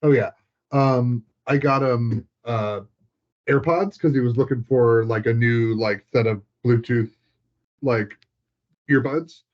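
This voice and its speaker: A hobbyist tabletop game master chats casually at a slow pace in a medium-pitched voice. He rambles informally and leans heavily on "like," and the lo-fi recording sounds dull.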